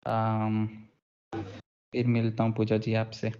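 A man's voice: fairly low pitch, monotone, slow, mellow, dull audio. A man playing as a squad teammate in a mobile shooter, talking politely and casually over voice chat. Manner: polite, addresses host respectfully. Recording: noisy game chat line.

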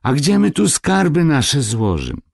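A man voicing a crowd of fretful little dwarves in a shrill, squeaky, alarmed voice. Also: wildly swooping pitch, unhurried, gravelly, a little mellow, dry recording, studio quality, heavily acted.

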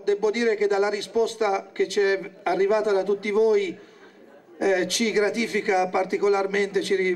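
A man opening an evening event with a formal, halting welcome speech, thanking the audience and introducing the guest. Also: sits high. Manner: measured, halting, emotional thanks.

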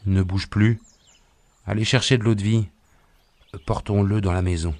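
A man voicing a bold, cheerful young male healer who gives brisk orders in an audiobook reading. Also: lowish voice, steady tone, a little mellow, dry recording, lightly acted. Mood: commanding. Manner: brisk, commanding.

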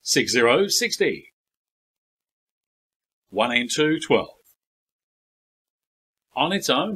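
A man's voice: fairly high pitch, pushed and bright, husky. A middle-aged man working as a bingo caller, reading out numbers digit by digit in a set pattern. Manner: formulaic digit-by-digit number calling.

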